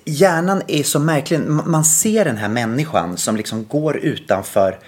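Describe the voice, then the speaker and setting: A man hosting a podcast, telling a story casually with lively quoted dialogue and frequent restarts. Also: medium pitch. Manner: animated retelling with quoted dialogue and many restarts. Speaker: podcast host.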